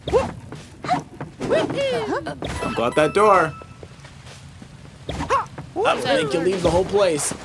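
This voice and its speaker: Here the family Let's Play dad has a high-pitched voice with huge pitch swings, speaking slowly and pausing often. He encourages and instructs the player, talking through each move while game music plays behind him.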